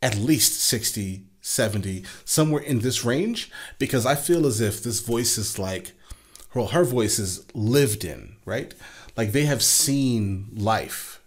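A man's voice: mid-range voice, expressive, slow pace, husky. A man hosting a music reaction video, chatting casually and enthusiastically and checking in with "right?" and "okay?" as he talks. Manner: enthusiastic, easily amazed. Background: song playing faintly under his talk.

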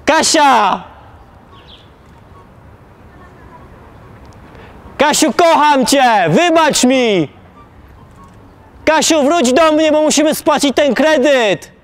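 A young man stands outdoors under apartment blocks and shouts desperate pleas up at the windows. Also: extremely high pitch, expressive, slow. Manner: shouting, pleading, mock-desperate. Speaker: prank video host.

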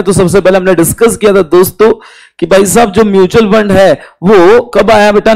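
A man's voice: sits high, low-quality recording. A man in his thirties with an Indian accent, a commerce exam tutor giving a casual live online lecture, chatty and teasing, with a mild fever. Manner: chatty, teasing, mixes Hindi and English. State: mild fever, recovering throat.

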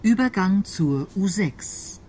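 A woman reading scripted station announcements as a transit announcer, in a formal, measured and clearly enunciated way. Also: mid-range voice, animated, warm tone, a little hiss or hum.

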